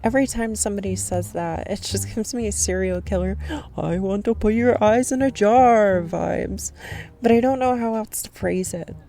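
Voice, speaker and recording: Speaking at a normal pace with a mellow, mid-range voice and some vocal fry, a woman takes the role of a shy, nervous young stranger in a cafe ASMR roleplay. Her light acting is rambling and self-conscious; she overthinks and second-guesses herself while faint music plays behind her.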